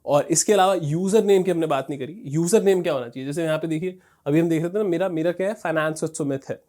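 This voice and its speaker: A man with a higher-pitched, dark-toned voice speaks quickly while teaching Instagram growth in a casual screen-share tutorial. He keeps things conversational, checking in often, using plenty of fillers and repeating "thik hai" and "dekhiye."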